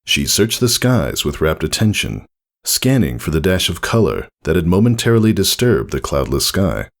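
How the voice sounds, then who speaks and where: With deliberate, measured reading, a gravelly, low-voiced man narrates fan fiction. His expressive intonation rises and falls, keeping the storybook prose in motion.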